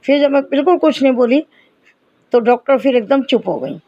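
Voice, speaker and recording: A woman's voice: sits high, brisk, no room sound, muffled recording. A middle-aged woman earnestly telling a personal devotional testimony. She speaks straight to her listeners and acts out the conversations in her story. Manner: earnest, addresses listeners as companions, reenacts dialogue.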